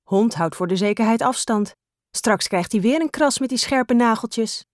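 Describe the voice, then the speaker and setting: Woman reading a kids' book aloud, expressive, dry close mic. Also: on the high side, normal speed, dry recording. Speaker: storybook reader. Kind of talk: scripted children's story narration.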